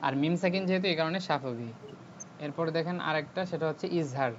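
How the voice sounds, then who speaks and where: A man's voice: on the high side, brisk, slight background noise. Man teaching a class over a muffled video call. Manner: patient, repeats questions for students to answer back. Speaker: Quran recitation teacher. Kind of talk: online class teaching with call-and-response drills.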